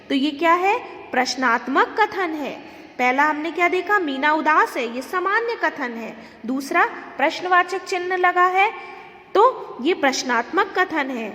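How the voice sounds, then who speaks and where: A woman's voice: high voice, fairly bright tone, big-room sound. A woman teacher giving a recorded lesson to schoolchildren, explaining step by step and asking and answering her own questions.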